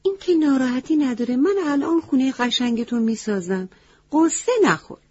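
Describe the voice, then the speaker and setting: A woman voicing a kind, eager male crow in a children's storybook tale, with quick, upbeat reassurance. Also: high-pitched, expressive, a little mellow, breathy edge, dry recording, pitched above the performer's own voice. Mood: reassuring. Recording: dull lo-fi recording.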